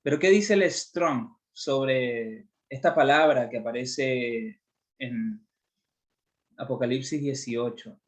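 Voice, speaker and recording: A man's voice: medium pitch, slow pace. A man from Chile preaching a Bible study sermon, explaining word meanings and asking listeners rhetorical questions.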